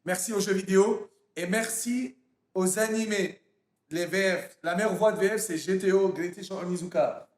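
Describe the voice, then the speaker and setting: A high-voiced co-streamer banters playfully and goofily on a livestream, cracking jokes at a normal speed in a roomy-sounding space. He has a slight Arabic accent and learned French at school.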